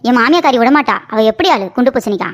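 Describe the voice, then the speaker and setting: A woman's voice: fairly high pitch, lively intonation, fast talker, lo-fi sound, voice pushed down. A woman voicing a sulky young wife who mocks her mother-in-law, in a comic cartoon. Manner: sulky, mocking.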